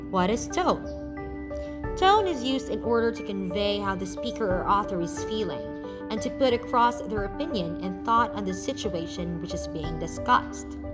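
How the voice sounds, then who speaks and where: A woman from the Philippines reading a scripted English lesson, with a clear, measured teaching delivery. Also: mid-range voice. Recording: music playing behind the voice.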